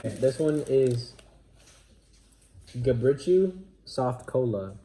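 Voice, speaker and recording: Young male vlogger, mid pitch, relaxed slangy delivery, noticeable background noise. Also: very slow. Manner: laid-back, slangy, laughs often. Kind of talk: casual unboxing and snack tasting. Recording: noisy home video.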